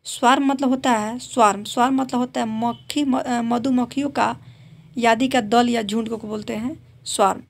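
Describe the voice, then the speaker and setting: A woman's voice: a little high, fairly even intonation, normal speed, creaky. A woman teaching exam vocabulary, explaining each word in Hindi, reading its English definition and repeating it with a drilling question.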